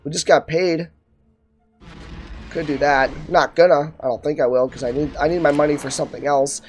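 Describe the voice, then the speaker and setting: Young man's casual, higher-pitched game commentary. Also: fairly even intonation, moderate pace, soft background music. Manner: thinking aloud, muttering asides to himself. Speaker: gaming video host. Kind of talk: casual let's-play commentary.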